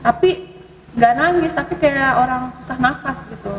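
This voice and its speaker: Hesitant woman in an echoey hall. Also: moderate pace. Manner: hesitant, many fillers, sudden rises in pitch. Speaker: podcast guest telling ghost stories. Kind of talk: casual storytelling conversation. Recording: distant mic, echoey hall, noisy.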